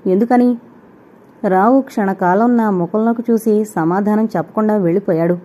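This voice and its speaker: Mellow-voiced woman reading a novel. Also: mid-range voice. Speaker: audio novel narrator. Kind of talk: scripted first-person novel reading. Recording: dull lo-fi recording.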